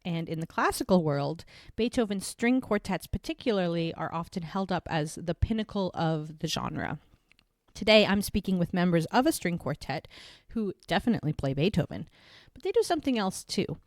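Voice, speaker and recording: A woman's voice: lowish voice, expressive, normal speed, a little mellow, dry recording. A woman from Montana hosting an interview podcast, chatty and enthusiastic. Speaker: podcast host.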